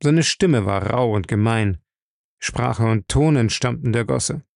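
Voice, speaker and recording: A man narrating an audiobook in a steady, even storytelling manner. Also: medium pitch, measured pace, gravelly, dry recording, studio quality. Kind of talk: scripted narration.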